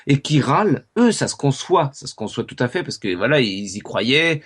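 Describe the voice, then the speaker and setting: A man hosting a casual web radio chat, talking in halting phrases with many fillers and restarts. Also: medium pitch, big pitch swings, fairly bright tone, husky. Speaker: radio show host.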